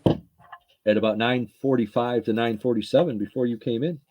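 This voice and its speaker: A woman's voice: very deep voice, steady tone, normal speed, mellow, a little hiss or hum. A woman hosting a casual reseller livestream chat, teasing and chatty.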